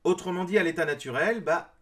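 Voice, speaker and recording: Male creator, bright high voice, explanatory and dryly sarcastic rebuttal commentary. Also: fairly quick. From France. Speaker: video creator responding to a clip.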